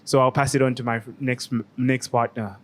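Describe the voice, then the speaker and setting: A man in his twenties from Zambia speaks as a student guest on a podcast. His voice is mid-pitched, and he talks in a calm, sincere, unhurried way. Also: a little hiss or hum. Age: 20s. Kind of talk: casual podcast chat.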